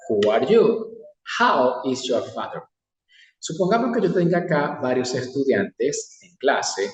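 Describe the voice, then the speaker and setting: Slow, deliberate man teaching in an echoey room. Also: medium pitch. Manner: slow, deliberate, exaggerated English pronunciation. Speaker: English teacher. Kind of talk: classroom lesson. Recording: echoey room, distant mic.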